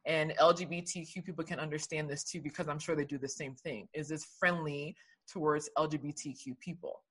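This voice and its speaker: Liberia-born woman, bright clear voice, earnest storytelling in a chat. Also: sits low, fairly even intonation, fairly quick. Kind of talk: casual conversation.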